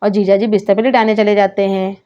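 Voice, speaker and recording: A woman's voice: mid-range voice, flat delivery, fast talker, dark tone. A woman narrating a homemade doll story in a plain, matter-of-fact way. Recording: dull lo-fi sound.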